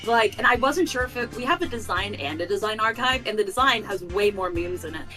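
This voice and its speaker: A woman's voice: medium pitch, animated, a little fast, music in the background, rough recording. A woman game developer telling a casual story on a livestream, chuckling as she goes. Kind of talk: casual chat.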